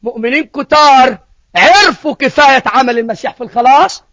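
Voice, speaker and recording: Egyptian male preacher, high-pitched voice, dry dull lo-fi sound, animated questioning. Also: a little fast, no echo. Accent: Egyptian Arabic. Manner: animated storytelling, questions to the congregation. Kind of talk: sermon.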